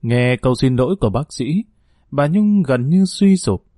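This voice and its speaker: A man narrating a dramatic audio story in a steady reading voice. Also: medium pitch, moderate pace, no room sound, clean studio sound.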